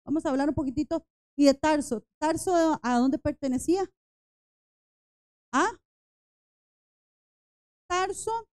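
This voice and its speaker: A woman's voice: high voice, slow, pauses often, darkish tone. A woman in her forties preaching a Bible study in a church, earnest and tired, often turning to the congregation with asides. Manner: earnest, repeats "hermanos" and "¿verdad?". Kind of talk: sermon-style Bible study.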